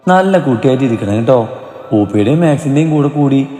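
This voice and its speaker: A man's voice: mid-range voice, lively intonation, fast talker, warm tone, echoey room, in a large hall, soft background music, lightly acted. A man voicing a caring young mother.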